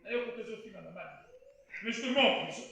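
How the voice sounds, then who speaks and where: A pastor preaches with a very high, sharp voice. He drops to quiet asides, then shouts his points to the congregation. The sound comes from a distance and rings around a big echoey hall. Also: expressive, fast, gravelly. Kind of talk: sermon. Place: church hall. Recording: echoey church hall from far off.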